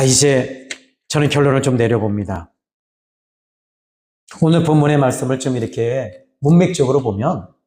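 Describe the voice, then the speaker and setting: A middle-aged man preaching as a pastor in a church, lively and rising when he voices God's words, then dropping low for asides. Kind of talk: sermon. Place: church sanctuary. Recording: echoey church hall.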